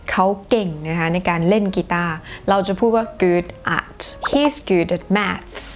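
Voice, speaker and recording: A Thai woman with a Thai accent teaching a bilingual grammar lesson, saying each example sentence slowly and repeating it. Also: mid-range voice. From Thailand. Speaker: English teacher.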